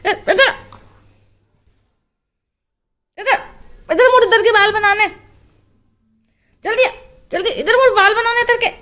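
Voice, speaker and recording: A woman calling and coaxing her dog in a high, loud, playful voice. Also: moderate pace.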